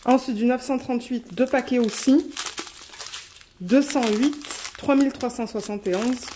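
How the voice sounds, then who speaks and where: A woman vlogging an unboxing in a quick, chatty way, reading out color numbers at home. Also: fairly high pitch, background noise. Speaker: diamond painting vlogger. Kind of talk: casual unboxing chat.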